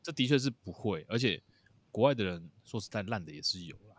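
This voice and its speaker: A man's voice: lowish voice, slightly rough, no echo. A man hosting a casual podcast chat, laughing easily. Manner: quick, lively, laughs easily. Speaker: podcast host.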